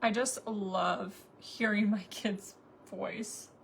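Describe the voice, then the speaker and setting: A woman's voice: medium pitch, steady tone, extremely slow, creaky, a little hiss or hum. A woman in her thirties chatting casually to viewers while doing her makeup, rambling with lots of fillers. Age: 30s. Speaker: makeup vlogger.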